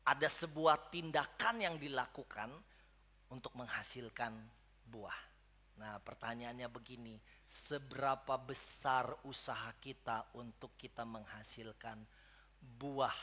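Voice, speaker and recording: A man preaches a sermon at a church service, speaking straight to his congregation. His voice is bright and forward at an ordinary middle pitch. He keeps building his points to emphatic peaks. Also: measured pace. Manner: addresses the congregation directly, rising to emphatic peaks. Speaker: pastor.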